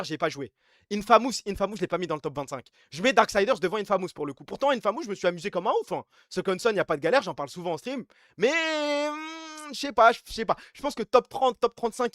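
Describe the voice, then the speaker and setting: Streamer, male, from France: rapid, high-pitched, slangy and blunt, dry close sound. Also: a bit bright, no room sound. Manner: slangy, blunt, ranting about games. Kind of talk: casual live-stream chat.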